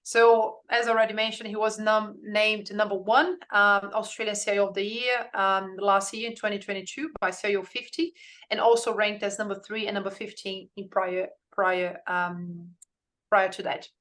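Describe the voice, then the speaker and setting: A woman's voice: medium pitch, flat delivery, moderate pace, a bit bright. Woman hosting an online talk, intro then questions, kinda hesitant, um um um. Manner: hesitant, many um fillers and restarts. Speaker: host. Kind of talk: introducing a guest and interviewing.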